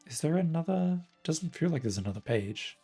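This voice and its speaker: A man's voice: a little high, big pitch swings, moderate pace, dark tone, slightly rough, faint music behind. A man casually commenting on a video game during a live stream, rambling and thinking aloud.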